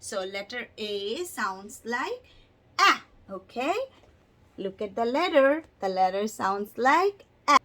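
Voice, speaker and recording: A woman's voice: on the high side, big pitch swings, pushed and bright. A woman with a Bangladeshi accent teaching letter sounds to children, drawing out words and repeating them in a sing-song way. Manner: slow, drawn-out, sing-song repetition, switching between English and Bangla. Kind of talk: phonics lesson for kids.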